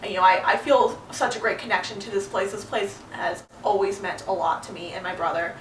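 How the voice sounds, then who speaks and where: A woman's voice: mid-range voice, steady tone, recorded from a distance, a little hiss or hum. A young woman tells a personal story, speaking earnestly and stopping often to find her words. She sits some way back from the mic, and the room echoes around her voice. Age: young adult. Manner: earnest, halting, with fillers. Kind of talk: personal monologue.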